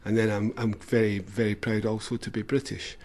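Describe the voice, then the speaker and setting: A man's voice: fairly low pitch, level tone, fairly quick, darkish tone. Man speaking earnestly. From Scotland. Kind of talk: casual chat.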